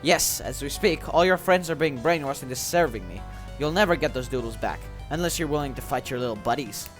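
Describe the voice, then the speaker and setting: A man voicing a tiny, grandiose cartoon villain from a game, gloating with slow, theatrical menace. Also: mid-range voice, lively intonation, soft background music, lightly acted. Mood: smug, menacing. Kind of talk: acted reading of cartoon game dialogue.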